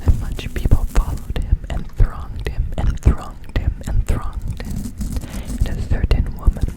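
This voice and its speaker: An ASMR reader softly reading scripture in a whisper doubled by a second layered whisper track, often repeating phrases. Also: unhurried. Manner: soft unvoiced whisper, echoing phrases back in repeats.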